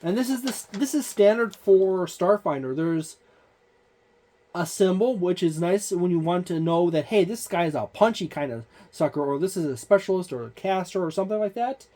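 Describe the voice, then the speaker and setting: This casual book walkthrough comes from a tabletop gaming channel host who goes page by page, pointing out features and rambling with plenty of fillers. The voice is warm, expressive and medium-pitched, moving at a normal speed.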